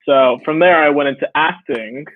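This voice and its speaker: In a casual video-call interview, a young man from Brooklyn, New York, tells lively stories and laughs often, his voice fairly high and his pace moderate. The recording sounds tinny, dry and phone-like.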